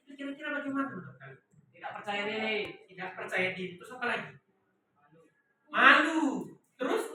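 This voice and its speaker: A woman's voice: high-pitched, pushed and bright, a little hiss or hum. A woman teacher giving a classroom lesson, leaving her sentences open for the class to finish. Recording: echoey classroom from far off.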